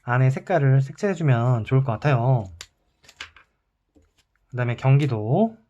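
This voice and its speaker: Male teacher, mid-pitch voice, calm step-by-step math lesson, slightly dull lo-fi recording. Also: moderate pace. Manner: calm, explains step by step while drawing.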